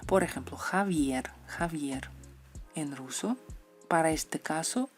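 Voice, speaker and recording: Woman, low voice, language teacher, slow repeated sounds, faint music underneath. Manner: repeats example sounds slowly, playful asides. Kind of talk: explaining letters and their pronunciation.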